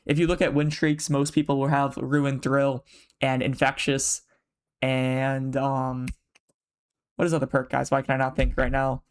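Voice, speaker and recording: A young man streaming from his bedroom, chatting casually and quickly, rambling with lots of fillers and swearing. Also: medium pitch, monotone, smooth. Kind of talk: casual live-stream chat.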